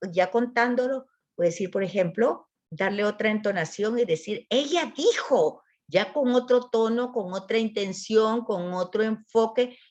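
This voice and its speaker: Teaching a Bible literature class online, a woman with a slightly mellow mid-range voice explains patiently, repeats words, and keeps checking in with "¿verdad?". The highs in the audio are cut off.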